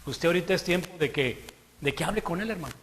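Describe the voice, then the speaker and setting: A man's voice: fairly high pitch, lively intonation, quick pace, fairly bright tone, slight background noise. A man preaching a sermon, emphatic and conversational, acting out quoted voices. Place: church hall. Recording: long hall reverb.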